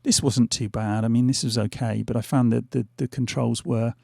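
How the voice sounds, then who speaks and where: A gaming channel host in middle age, his voice failing, talks steadily at a moderate pace with a medium pitch, vocal fry and a dark tone. He rambles through casual commentary on his play, filling gaps and restarting often. Headphones and a desk mic yield studio-quality sound without echo.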